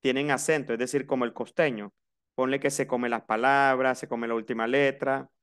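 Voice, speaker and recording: A man's voice: medium pitch, fairly even intonation, normal speed, fairly bright tone, clean tone. A man with a Colombian Caribbean coast accent teaching a class, switching between Spanish and French and repeating words patiently for his students.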